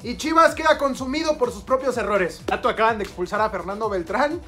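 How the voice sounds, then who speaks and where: A Mexican woman reacting live to a football match, excitable and slangy, shouting at the big plays. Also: fairly high pitch, brisk.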